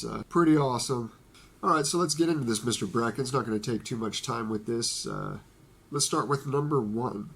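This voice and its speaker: Young male host, blocked nose, breezy playful card-review delivery, middle-pitched. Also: gravelly, a bit bright, breathy edge. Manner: playful, jokey asides to an imagined listener. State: stuffy nose from allergies. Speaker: Magic card video host. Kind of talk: casual card review talk.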